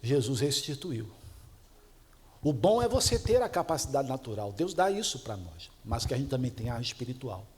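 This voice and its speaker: A man's voice: medium pitch, sing-song, moderate pace, darkish tone. A middle-aged man with a Brazilian Portuguese accent, a pastor preaching a sermon, chatty and laughing at his own stories. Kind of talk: sermon with storytelling.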